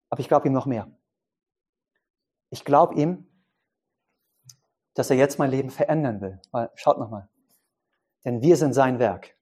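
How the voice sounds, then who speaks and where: A man preaching a sermon who puts questions to his congregation and explains his points with simple images. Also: slightly rough. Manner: pitch swings up for emphasis and drops low for quiet points.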